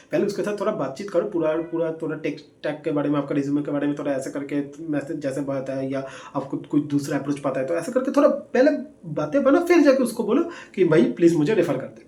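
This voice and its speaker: High-voiced young man in an echoey room. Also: warm tone. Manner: chatty, repeats points, frequent fillers and "theek hai" check-ins. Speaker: career advice presenter. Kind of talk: casual explanatory lesson.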